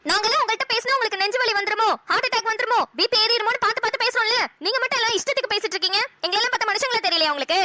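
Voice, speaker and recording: A woman voicing a fierce, protective middle-aged mother in a cartoon, scolding rapidly with a Kongu Tamil accent. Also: extremely high pitch, animated, bright, forceful tone, heavily acted. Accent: Kongu Tamil (Namakkal). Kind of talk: cartoon voice acting.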